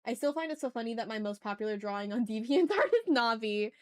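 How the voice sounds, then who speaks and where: While drawing on a casual livestream, a woman thinks aloud and chats to viewers in slangy, effusive, informal language. Her voice is on the high side, smooth and darkish in tone, with lively intonation and a quick pace.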